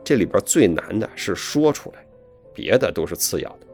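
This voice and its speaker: A man's voice: low-pitched, sing-song, normal speed. A man giving friendly, folksy advice to young learners in a chatty, scripted talk. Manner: chatty, folksy, adds friendly tag questions. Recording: soft piano music behind the voice.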